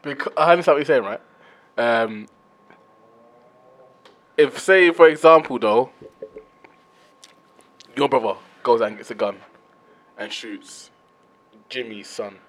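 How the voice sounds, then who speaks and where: A man's voice: mid-range voice, takes it slowly, pauses often, a bit bright. A man debating casually, challenging others with hypothetical cases.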